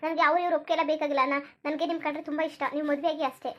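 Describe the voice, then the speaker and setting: A woman's voice: high-pitched, little pitch movement, rapid-fire, fairly bright tone, highs cut off. A woman voicing a lovesick, clingy young woman in a cartoon, pleading and repeating herself insistently. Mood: desperate. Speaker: cartoon character. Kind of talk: Kannada cartoon voice acting.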